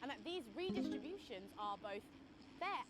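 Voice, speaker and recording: High, lively British field reporter. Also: female voice, normal speed. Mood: earnest. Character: earnest, self-important television field reporter. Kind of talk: comedy news reporting. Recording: very noisy outdoor report.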